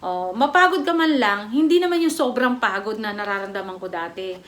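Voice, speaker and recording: A woman's voice: medium pitch, lively intonation, fairly quick, fairly bright tone. A middle-aged woman from the Philippines gives a casual personal testimony as a vlogger, chatty and rambling, with many fillers and restarts. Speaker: vlogger giving a product testimony.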